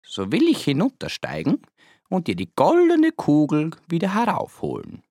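A sly, pleading frog from a storybook, croaking low and slow. A woman plays him as she reads the tale aloud. The voice swings widely from deep rumbles to higher pleas, recorded dry and close. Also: huge pitch swings, warm tone, dry recording, full character voice. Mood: bargaining. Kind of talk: storybook reading.

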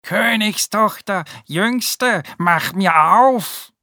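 A little fairy-tale frog pleads with drawn-out, dragging words. His voice is bright and tight, as a woman reader acts him out, and the recording is dry and close. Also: mid-range voice, dry recording, pitched above the performer's own voice. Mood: pleading. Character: small pleading male frog, slow and plaintive. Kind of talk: storybook reading.

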